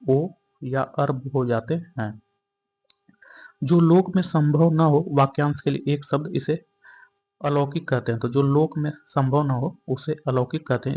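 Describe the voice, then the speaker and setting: A man's voice: fairly high pitch, darkish tone. A young man, an exam-prep teacher, steadily explains each question and restates the correct answer.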